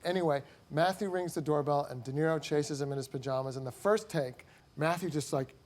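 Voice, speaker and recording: A film director on a talk show, telling an anecdote in an excitable way, laughing often. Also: male voice, on the high side, fairly quick.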